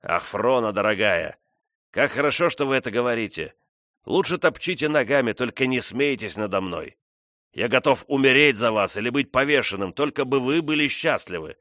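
A man reading the part of a blunt, gruff old frontiersman in an audiobook. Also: medium pitch, lively intonation, normal speed, sharp tone, dry recording, clean studio sound, pitched above the performer's own voice. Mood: devoted.

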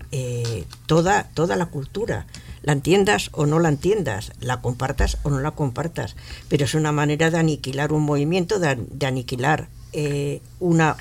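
A woman from Catalonia speaks in a radio studio with a gravelly edge to her voice. She argues earnestly and emphatically, pausing often on fillers as she builds her point. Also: low-pitched, darkish tone. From Catalonia, Spain. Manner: earnest, emphatic, with frequent hesitations. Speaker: radio debate panelist. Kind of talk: radio panel discussion.

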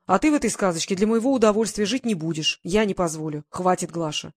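A woman's voice: mid-range voice, fast talker, close to an everyday voice. A woman reading an audiobook, voicing a blunt, protective grown man who gives firm, clipped orders. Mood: stern.

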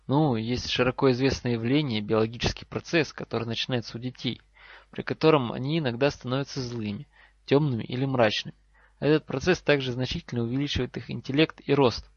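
Мужчина читает за встревоженного отца-профессора, говорит взвешенно и наставительно; запись сухая, немного глуховатая. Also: male voice, medium pitch, quick pace, no echo, lightly acted. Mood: reasoning. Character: worried professor father, earnest and firm. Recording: slightly dull lo-fi recording.

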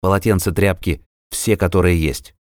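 A man playing a gruff, weary middle-aged herbalist who gives curt orders, in an audiobook. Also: low-pitched, steady tone, moderate pace, dry recording, clean studio sound, lightly acted.

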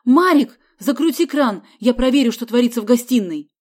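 A woman voicing a panicky, fussy middle-aged man who wails loudly and shrilly. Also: moderate pace, close to an everyday voice. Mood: alarmed. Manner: shrill, loud, wailing.

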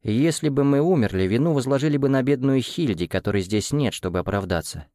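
A genial male leader who stays calm and measured while quietly calculating, as a man puts him on. He is a storybook figure with a brisk, commanding manner. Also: medium pitch, no room sound, clean studio sound, close to an everyday voice.

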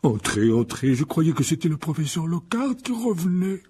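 Storybook giant gamekeeper, loud and slow, gruff and husky, read by a man. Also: on the high side, very animated, voice pushed up.

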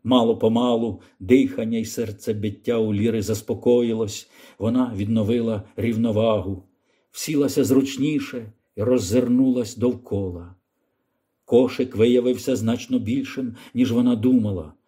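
A man narrating an audiobook in a measured, expressive reading. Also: mid-range voice. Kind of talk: scripted narration.

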